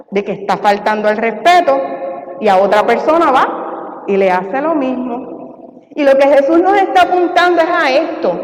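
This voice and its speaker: High-voiced Puerto Rican woman pastor preaching. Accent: Puerto Rican Spanish. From Puerto Rico. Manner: preaching with lively storytelling, acting out dialogue. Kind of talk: sermon. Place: church sanctuary. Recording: echoey church hall with long reverb.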